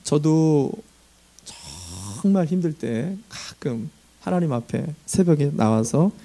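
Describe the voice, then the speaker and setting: A man's voice: on the high side, animated, slow, dark tone. A man preaching as senior pastor, emphatic and telling vivid everyday stories. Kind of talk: sermon.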